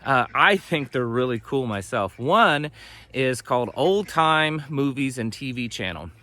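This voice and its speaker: A middle-aged American man hosts a homesteading and prepping channel, talking folksily to the camera outdoors on his homestead with ducks nearby. His medium-pitched voice is animated and sharp at a measured pace, and he rambles and trails off mid-thought.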